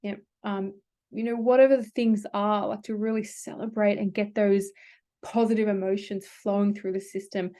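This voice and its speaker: A woman's voice: medium pitch, level tone, normal speed, mellow. A woman, a business coach giving a workshop talk, speaking conversationally with many "like"s and restarts. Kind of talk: workshop talk with personal anecdotes.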